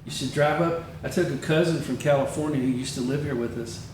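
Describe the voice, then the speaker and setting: A man's voice: mid-range voice, a little fast. An older man, a retired county attorney, telling long rambling anecdotes as an interview guest. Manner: rambling anecdotal storyteller, animated. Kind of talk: casual interview chat. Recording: echoey room, distant mic, faint noise.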